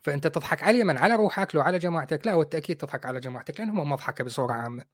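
An Iraqi man hosts a livestream commentary, talking fast and with open sarcasm. His voice sits a little high. The sound is close and dry, with no room echo. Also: animated. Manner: sarcastic, mocking. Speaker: host.

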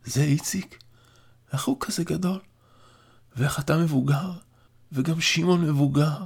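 A man's voice: on the high side, creaky, breathy edge, pitched above the performer's own voice. A man voicing a frail elderly father in an audiobook, speaking in a weak, faint voice. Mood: weak, tearful. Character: frail elderly dying father, tearful and tender.

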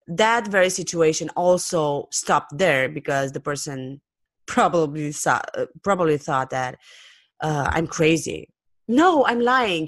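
A woman hosting her own podcast, talking off the cuff in a lively, jokey way with lots of fillers and restarts. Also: fairly low pitch, no echo, studio quality. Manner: playful, jokey. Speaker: podcast host. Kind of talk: unscripted solo podcast talk.

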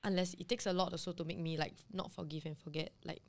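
A woman's voice: lowish voice, steady tone, quick pace, darkish tone. A woman co-hosting a casual chat, talking in a rambling way with many fillers. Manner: chatty, filler-heavy, lots of "like". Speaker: podcast co-host.

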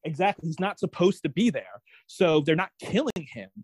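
A man co-hosting a casual TV recap chat, ranting in an animated, exasperated way with many restarts. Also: a little high, moderate pace, husky, no echo, poor audio.

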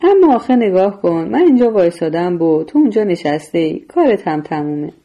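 A woman's voice: fairly low pitch, big pitch swings, dark tone. A woman voicing a menacing, coldly sarcastic male gangster boss in a story reading. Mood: mock-offended.

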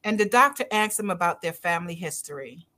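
A fast-talking middle-aged doctor from Barbados, a guest on a podcast, has a lowish voice with a sharp tone and lively intonation. Earnest and emphatic, she keeps repeating her key phrases throughout the conversational interview.

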